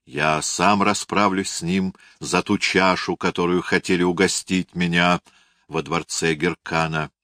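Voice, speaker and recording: A man's voice: deep voice, fairly even intonation, a little slow, pushed and bright, dry recording, studio quality. A man voicing a stern foreign prince who gives curt, authoritative orders.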